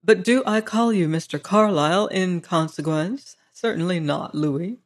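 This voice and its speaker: A man reading the part of a genial, suave blind gentleman in an audiobook, speaking quietly and thoughtfully with a slightly higher voice. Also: unhurried.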